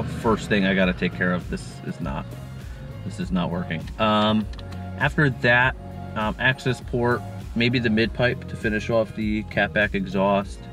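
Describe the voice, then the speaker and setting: A man in his twenties, from Connecticut, chatting casually in a parked car, relaxed and rambling with plenty of fillers. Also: lowish voice, a little slow, over music. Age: 20s. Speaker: co-host. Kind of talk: casual Q&A chat. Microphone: camera on the dashboard.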